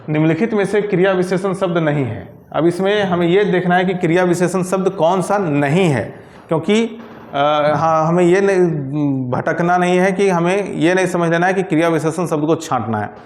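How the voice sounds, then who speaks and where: Methodical Hindi grammar tutor, echoey room. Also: male voice, fairly high pitch. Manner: methodical, repeats answer options aloud. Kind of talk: exam question walkthrough.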